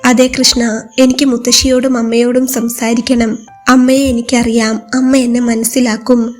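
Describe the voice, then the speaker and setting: Woman voicing a gentle young man lover. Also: very high-pitched, normal speed, faint music behind. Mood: tender. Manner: soft, steady, reassuring.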